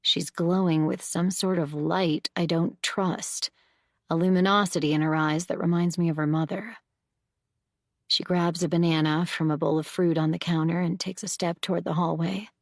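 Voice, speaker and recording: A woman reading a thriller audiobook as first-person narrator, in a measured, storytelling manner. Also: fairly low pitch, level tone, no echo, clean studio sound.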